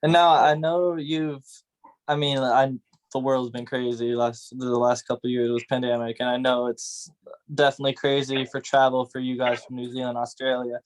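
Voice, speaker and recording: Male host, relaxed questioner, monotone, short affirmations. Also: mid-range voice, moderate pace, rough recording. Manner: laid-back, brief affirmations. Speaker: interviewer, host. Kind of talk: casual interview questions.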